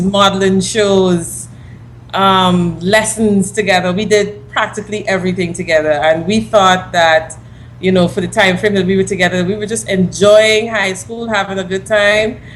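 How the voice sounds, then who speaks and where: A woman's voice: medium pitch, a little hiss or hum, poor audio. Chatty woman in her thirties. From Guyana. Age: 30s. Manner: chatty, relaxed, quick when listing. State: tired. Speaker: lawyer, talk show guest. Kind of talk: interview answers.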